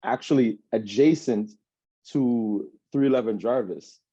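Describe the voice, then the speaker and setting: Warm, medium-pitched and slightly rough, the voice of a Jamaican-accented man in his thirties moves unhurriedly through his personal account as an interview guest. He rambles loosely, often checking in with "you know what I'm saying," in a dry, dull lo-fi recording.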